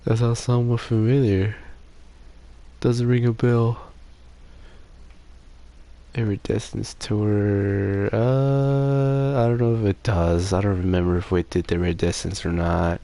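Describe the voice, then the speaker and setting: A man's voice: mid-range voice, flat delivery, moderate pace, dark tone. A man streaming a game, giving laid-back casual commentary, chuckling and musing aloud. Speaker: gaming streamer.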